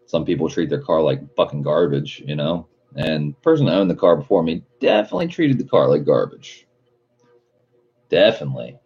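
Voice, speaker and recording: Deep-voiced, sweary frat-bro guy. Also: big pitch swings, fairly quick, gravelly, slightly rough. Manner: frat-bro slang, heavy swearing and "dude". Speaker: car livestream host. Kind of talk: casual livestream chat, reading out viewer comments. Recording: muffled audio with loud music behind. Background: loud music.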